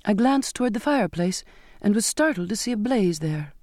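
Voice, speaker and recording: High-voiced man narrating an audiobook. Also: expressive, a little fast, darkish tone, dry recording, clean studio sound. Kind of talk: scripted first-person narration.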